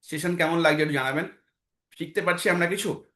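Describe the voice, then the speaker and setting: Male trainer, high and bright, motivational talk in an echoey room. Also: brisk. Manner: exhorting, repeats phrases, asks himself questions then answers. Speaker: trainer leading an online team meeting.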